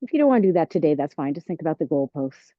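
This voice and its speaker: A woman teaching a tai chi class, giving serene, encouraging, unhurried movement cues. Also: sits low, very animated. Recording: roomy, dull lo-fi sound.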